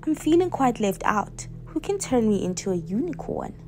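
A woman's voice: a little high, big pitch swings, normal speed, soft background music. A woman voicing a kindly, amused female head witch in a storybook reading. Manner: warm, chuckling.

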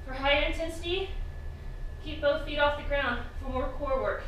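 Woman in her 30s, fitness instructor, high bright voice, upbeat countdowns, filmed from far off in an echoey garage gym. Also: steady tone, moderate pace, a little hiss or hum. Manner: upbeat, counting down, cheerful encouragement with laughs. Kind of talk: live workout coaching. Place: home garage gym, indoors. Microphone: far camera, exercising while talking. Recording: echoey room, voice from a distance.

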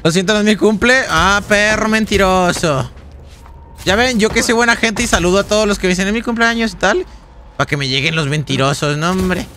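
A man's voice: high voice, fast talker, a bit bright, slight background noise. A man with a Mexican accent giving casual, chatty live gameplay commentary as a streamer, thinking aloud and talking to his viewers. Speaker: game streamer.

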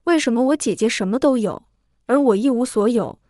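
A woman's voice: a little high, brisk, mellow, no room sound, clean studio sound, close to an everyday voice. A woman reading the lines of a cruel, jealous young woman in a storybook narration, with a cold, sneering manner.

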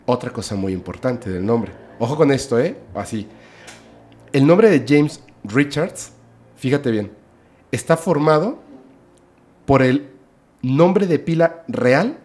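A man, a podcast guest, telling a story in casual chat, lively, often adding "o sea" and "¿no?". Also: medium pitch. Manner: lively retelling, with "o sea" and "¿no?" tags.

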